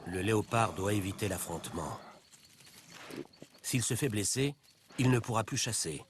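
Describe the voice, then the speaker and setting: A man narrating a nature documentary from a script, in a measured, dramatic storytelling manner. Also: lowish voice, lively intonation, noisy background. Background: loud background music.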